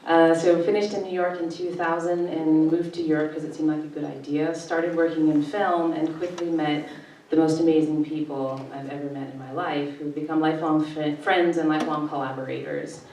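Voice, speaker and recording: A woman in her forties talks casually through her slides as a filmmaker on an art panel. Her voice sits low, and it is picked up from across a very echoey gallery room. The sound is distant and reverberant. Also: normal speed, few pauses, slight background noise. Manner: relaxed, conversational, presenting slides. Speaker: panelist, filmmaker and festival director.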